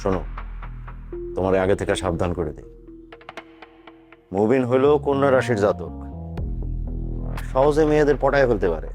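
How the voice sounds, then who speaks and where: A man's voice: on the low side, animated, moderate pace, pauses often, over music, close to an everyday voice. An actor playing a suspicious, scheming boss who speaks sarcastically and warns the woman he addresses. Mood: sarcastic. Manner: sarcastic, warning. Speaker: boss figure addressed as elder brother. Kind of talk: TV drama acting.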